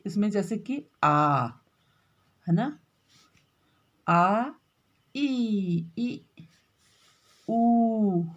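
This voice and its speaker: A woman teacher giving a grammar lesson, dictating notes slowly and repeating words as she writes, with frequent checking tags to her pupils. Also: medium pitch, darkish tone, highs cut off. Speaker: school teacher. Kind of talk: classroom grammar lesson while writing.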